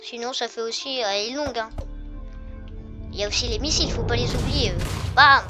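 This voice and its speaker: A woman with a slightly high voice talks fairly quickly while hosting a gaming video, casually commenting and thinking aloud with fillers as she tests things in the game. Game music plays in the background.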